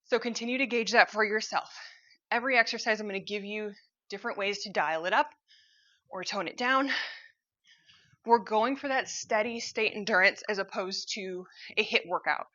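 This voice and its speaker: A woman's voice: medium pitch, moderate pace, pushed and bright, muffled recording. A woman fitness instructor cueing a cardio workout while she exercises, upbeat and encouraging.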